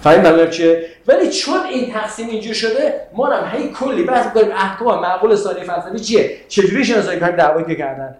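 A man with a high voice gives a classroom philosophy lecture. He talks in an animated, rhetorical way and keeps asking his students questions. His voice rings through a strongly echoing room. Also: few pauses. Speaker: philosophy teacher. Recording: very echoey room.

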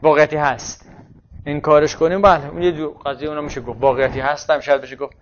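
A man's voice: fairly high pitch, level tone, slight background noise. Brief: male philosophy lecturer who thinks aloud and corrects himself mid-sentence, dull lo-fi sound. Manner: questions and answers himself. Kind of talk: university lecture. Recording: muffled lo-fi classroom recording.

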